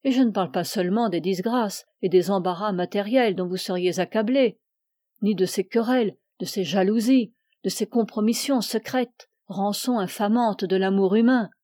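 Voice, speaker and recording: A man's voice: high-pitched, normal speed, darkish tone, no echo, studio quality, lightly acted. A woman reading the part of an aging ascetic priest who preaches with solemn fervor. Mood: fervent. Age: older. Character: aging ascetic male priest, imperious and pleading.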